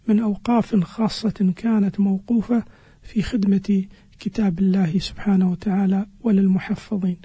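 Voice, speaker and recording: Mellow, husky male religious scholar. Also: sits high, no room sound. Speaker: Islamic scholar answering listeners' questions. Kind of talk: religious explanation on a radio program.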